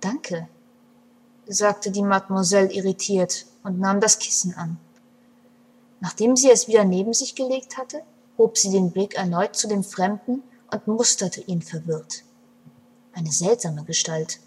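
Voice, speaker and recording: Breathy woman reading a storybook, expressive, mid pitch, goes quiet then loud. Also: normal speed. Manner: expressive, with swings between hushed and loud passages. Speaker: narrator. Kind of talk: scripted storybook narration.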